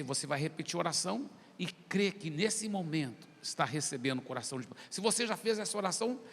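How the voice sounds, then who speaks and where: A man's voice: a little high, gravelly, a bit bright, slight background noise. A male pastor preaching a sermon, telling his story animatedly and acting out the dialogues. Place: church sanctuary. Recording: long church hall reverb.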